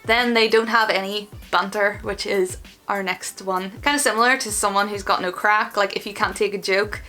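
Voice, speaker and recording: Woman, Northern Irish accent, bright crisp-edged tone, mid pitch, casual chatty explainer, light background music. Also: steady tone, normal speed. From Northern Ireland. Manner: informal, acts out short example exchanges. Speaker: host of an online video channel.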